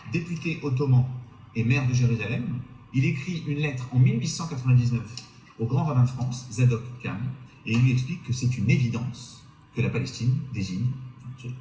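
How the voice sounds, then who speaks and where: A man's voice: medium pitch, darkish tone, echoey room, low-quality recording. A man narrating a history lesson to his viewers, asking rhetorical questions and hesitating often as he explains. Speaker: history video presenter.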